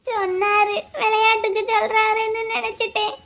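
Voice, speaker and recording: A woman's voice: extremely high pitch, completely flat delivery, moderate pace, fairly bright tone. A woman voicing a naive, tearful young bride-to-be in a cartoon, with a whiny, pleading way of talking.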